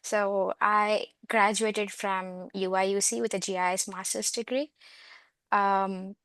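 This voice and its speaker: A woman's voice: mid-range voice, flat delivery, slow, fairly bright tone, clean tone, no room sound. A young woman from the United States, a job seeker, asking a question hesitantly over a video call. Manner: hesitant, with many "uh"s. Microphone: video call mic.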